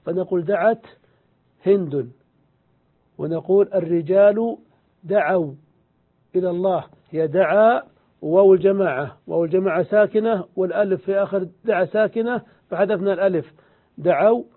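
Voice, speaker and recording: Man teaching grammar over a tinny line. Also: high-pitched. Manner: slow, deliberate explaining, repeats examples, asks and answers his own questions. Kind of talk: lecture. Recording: tinny phone-like sound.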